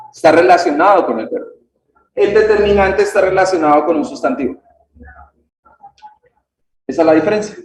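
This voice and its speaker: Slow, high-voiced man teaching grammar, echoey. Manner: checks in often with short questions, repeats key words slowly. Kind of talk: classroom grammar lesson. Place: church classroom. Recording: echoey room, distant mic, faint noise.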